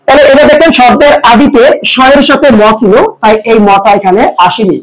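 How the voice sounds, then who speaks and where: Teacher, man, very high pitch, asks rhetorical questions, repeats rules slowly. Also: crowd noise, low-quality recording. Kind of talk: pronunciation lesson.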